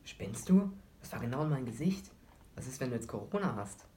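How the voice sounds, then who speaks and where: A man's voice: fairly low pitch, steady tone, brisk, darkish tone, a little hiss or hum, close to an everyday voice. A man voicing an anxious teenage boy who gets agitated and defensive.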